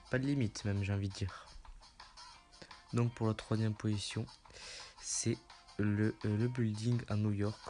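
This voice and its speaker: A man hosting a casual top-ten voice-over, hesitant with many fillers and repeating himself. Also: on the low side. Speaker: YouTube channel host. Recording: music playing loudly underneath.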